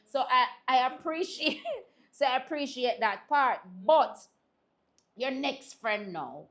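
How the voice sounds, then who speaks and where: A Jamaican woman hosting a talk show, her voice sitting a bit high. She chats casually with her co-host and tells animated stories in patois, laughing along the way. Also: slow pace. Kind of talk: casual panel chat.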